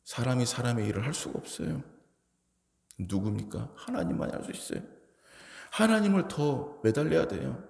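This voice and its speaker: A male pastor preaching in a church sanctuary, his gravelly voice rising into emphatic appeals. The sound rings with long reverb through a roomy hall. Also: mid-range voice, very animated, normal speed, a little mellow. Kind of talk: sermon.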